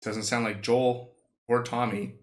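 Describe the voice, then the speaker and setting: A man's voice: mid-range voice, little pitch movement, a little slow, a little hiss or hum. A man with a cold, congested and nasal, hosting a casual reaction video and chatting eagerly. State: sick, congested. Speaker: reaction channel host.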